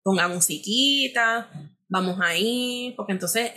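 A woman with a bright, ringing tone and a somewhat high voice speaks as a podcast guest. She gives earnest, conversational advice, talks straight to the listener, and slips into acted-out inner dialogue. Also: unhurried.

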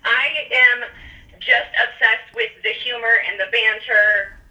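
A woman calling in on speakerphone from her car, chatting casually and quickly as a podcast guest. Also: on the high side, fairly even intonation, pushed and bright, far from the mic, low-quality recording. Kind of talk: casual chat.

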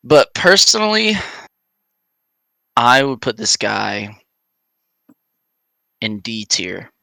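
Brief: man, casual co-host, bright and forward tone, dry close sound, reads stats off a card. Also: mid-range voice, sing-song, very slow, creaky, no echo. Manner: reads game stats aloud, laughs often. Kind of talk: casual podcast chat.

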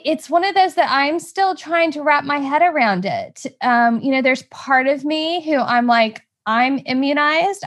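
A high-pitched woman co-hosting a casual podcast chat. She thinks out loud, pausing and restarting as she works through her thoughts. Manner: hesitant, reflective, many fillers. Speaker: podcast co-host, fertility doctor.

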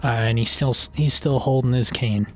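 A man's voice: medium pitch, steady tone, normal speed. A man working as game master, narrating a tabletop fantasy game in an improvised, descriptive way. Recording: music behind.

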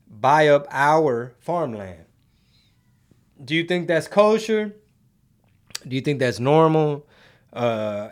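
A man's voice: fairly high pitch, clear, resonant tone. Male livestream host, casual commentary, slangy and conversational delivery aimed at his audience. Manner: slangy, conversational, rhetorical questions to viewers. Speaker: host of a live commentary show and podcast.

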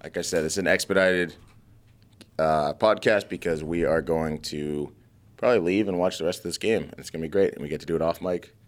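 Deep-voiced male podcast co-host, blunt and profane, argumentative, casual. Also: brisk. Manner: chewing gum while talking. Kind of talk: casual sports chat.

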